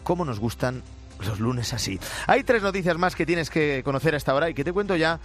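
A man's voice: a little high, animated, fairly quick, soft background music. A man presenting radio news with an emphatic, punchy delivery and pointed asides. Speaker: news anchor.

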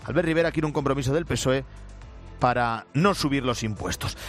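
A man's voice: mid-range voice, brisk, faint music behind. A man presenting radio news with an emphatic, punchy delivery and pointed asides. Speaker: news anchor.

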